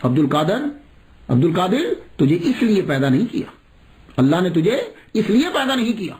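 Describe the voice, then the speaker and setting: A man's voice: sits high, very animated, a little mellow, low-quality recording. A man voicing a cow calling with a human voice. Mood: solemn.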